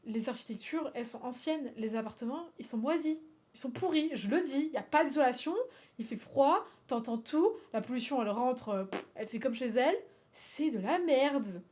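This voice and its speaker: A woman from France chatting on a livestream, animated and swearing freely, laughing often and slipping in English phrases. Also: high voice, fairly quick. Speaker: streamer. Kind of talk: casual livestream chat.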